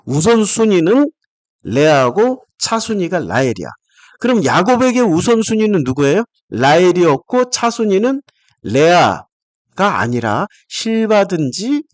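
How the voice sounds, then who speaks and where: A middle-aged man preaching with a high voice that swings up and down all over the place. He is blunt and emotional, pelts his listeners with rhetorical questions and breaks into curses when he gets worked up. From South Korea. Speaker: pastor. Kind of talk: sermon.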